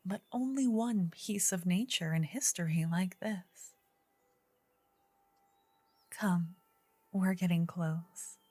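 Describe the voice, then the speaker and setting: A woman playing a gentle, earnest druid in an ASMR role-play, her soft female voice slipping between breathy soft voice and low murmur. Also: dry recording. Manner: slow, gentle, intimate female voice with pauses. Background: soft medieval ambience and music.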